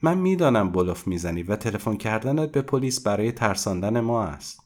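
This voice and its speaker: A man reading a storybook aloud and voicing a scheming, sharp-tongued young woman swindler who speaks high, loud and defiant. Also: animated, lightly acted.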